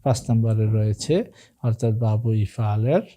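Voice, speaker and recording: A man with Bengali as his first language teaching an Arabic grammar lesson, reciting word forms in a slow chant and then explaining them plainly to his students. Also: on the low side, dark tone.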